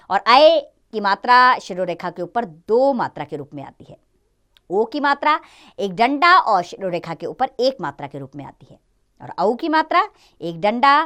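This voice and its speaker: A woman's voice: medium pitch, a bit bright. A woman teaching a grammar lesson to children, explaining step by step and asking and answering her own questions.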